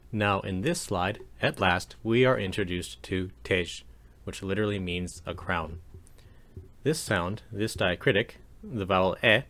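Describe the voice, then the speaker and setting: A man teaching a language lesson over slides, explaining calmly and slowing down to demonstrate sounds. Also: deep voice. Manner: calm, measured explanation with slow demonstrations of sounds.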